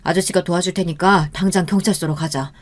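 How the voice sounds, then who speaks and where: A woman's voice: fairly low pitch, fairly even intonation, fairly quick, natural voice. A woman voicing a concerned middle-aged father who speaks earnestly and firmly in an audio story. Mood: urgent. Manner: earnest, urgent.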